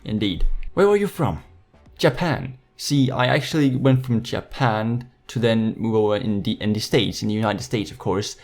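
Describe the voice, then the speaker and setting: This eighteen-year-old Danish YouTuber has a lowish voice and a Danish accent, speaking at a moderate pace over soft background music. He's hosting a Q&A, chatting casually with viewers in a jokey, slangy, playfully sarcastic way.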